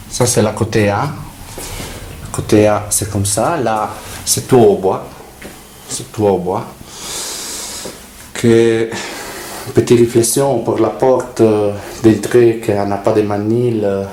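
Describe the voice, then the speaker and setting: A low-pitched man with a clear Italian accent in his French gives an informal walkthrough narration. He speaks slowly and haltingly, searching for words in broken non-native phrasing. Noticeable background noise sits behind his voice in a handheld on-location recording. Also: steady tone, dark tone. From Italy. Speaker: resident filming a walkthrough of their building. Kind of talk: informal narrated video tour. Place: around and inside an apartment building entrance and corridor.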